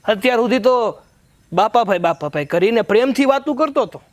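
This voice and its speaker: A man's voice: high voice, lively intonation, brisk. A man playing a brash young village troublemaker. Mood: scheming. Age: young adult. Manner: defiant, scheming. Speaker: headman's son. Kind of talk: village family drama.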